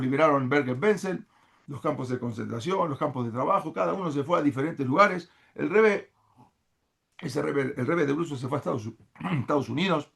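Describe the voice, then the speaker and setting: A man tells a story in a religious class, animated and dotted with "eh" fillers. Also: on the high side, creaky. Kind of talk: storytelling lecture.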